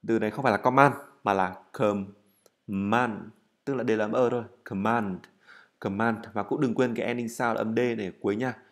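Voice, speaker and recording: Man, English teacher, recorded lesson, drills words slowly, fillers and restarts. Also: on the low side, steady tone. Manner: explains step by step, writing on a board; frequent fillers and self-corrections.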